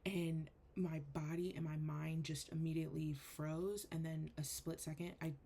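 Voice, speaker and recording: A young woman and spiritual coach telling a painful personal story in an earnest, halting way, full of "like". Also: low-pitched, little pitch movement, vocal fry, dark tone, a little hiss or hum.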